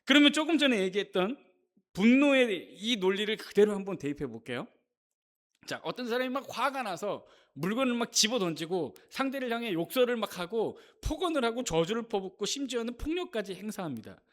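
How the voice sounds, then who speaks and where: A man's voice: sits high, expressive, brisk, fairly bright tone. A male pastor giving a Sunday sermon in a church, emphatic and firing off rhetorical questions at the congregation. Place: church sanctuary.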